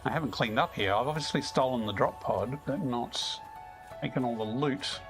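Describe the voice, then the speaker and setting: An Australian man chatting casually with viewers as he streams a video game, easygoing and quick to chuckle. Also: mid-range voice, music in the background. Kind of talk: casual live-stream chat while playing.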